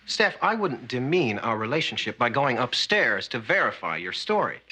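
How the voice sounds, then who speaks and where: An actor playing a smarmy, theatrical young husband in a 1980s sitcom, glib and sing-song with stammered restarts. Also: male voice, medium pitch, sing-song, normal speed, bright, forceful tone, husky, full character voice. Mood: teasing. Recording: noisy old TV sitcom audio.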